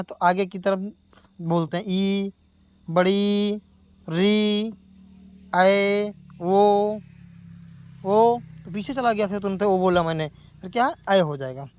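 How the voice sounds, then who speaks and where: A man teaching a grammar lesson for exam preparation, asking questions and answering them himself, stretching sounds out slowly. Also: high-pitched, dry recording. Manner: stretches sounds out slowly when demonstrating vowels.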